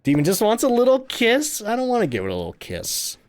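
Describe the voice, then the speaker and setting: Brief: male streamer, higher voice, very animated delivery, chatty live game commentary. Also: brisk. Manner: chatty, animated, laughs often. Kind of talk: live gameplay commentary, reading chat.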